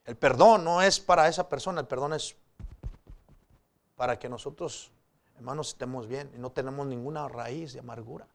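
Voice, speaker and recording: A man preaching a sermon, swinging from loud pleading to low quiet asides and calling the congregation "brothers". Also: normal speed, creaky. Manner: addresses the congregation as "hermanos" often; acts out quoted pleas in a raised voice.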